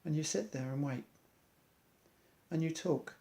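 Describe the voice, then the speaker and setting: A man's voice: on the high side, a little slow, warm tone. A man, an amateur athlete, earnestly reciting an inspirational monologue in loose rhymes.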